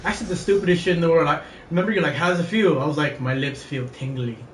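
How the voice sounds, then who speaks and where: A man's voice: fairly high pitch, racing. Young man rambling through a laughing story. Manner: rambling, laughing, acts out quoted friends. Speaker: gamer telling stories. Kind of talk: casual storytelling while gaming. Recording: roomy, distant, faint ambient noise.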